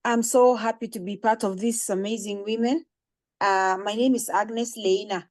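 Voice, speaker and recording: A woman from Kenya introducing herself as a panelist on a video call, friendly and halting with fillers. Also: medium pitch, fairly even intonation, a little mellow, dry recording, studio quality. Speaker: panelist, community organizer. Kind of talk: webinar self-introduction. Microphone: video call, camera off.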